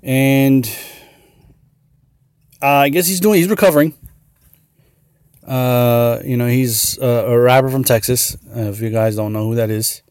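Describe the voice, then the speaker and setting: A man's voice: medium pitch, unhurried, pauses often, darkish tone, smooth, no echo. Male solo host, casual and earnest, lots of fillers, dry close recording. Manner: rambling, many fillers and restarts; earnest, gets worked up. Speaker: podcast host.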